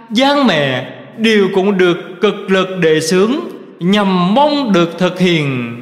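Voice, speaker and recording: A man giving a slow, measured recitation of Buddhist teachings in a scripted reading style. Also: high voice. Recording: roomy recording with long reverb.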